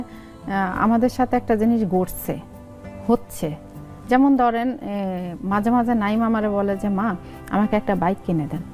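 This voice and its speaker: A middle-aged woman with a Noakhali accent, a guest chatting in an interview and acting out family dialogue as she tells stories. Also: a little high. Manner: lively storytelling, acts out family dialogue. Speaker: content creator guest. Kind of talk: casual interview talk.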